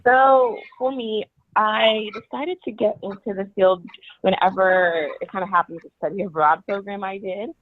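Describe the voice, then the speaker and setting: A woman's voice: medium pitch, fairly even intonation, normal speed, dry recording. Woman on a tinny phone line. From United States. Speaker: podcast guest. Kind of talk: interview answers.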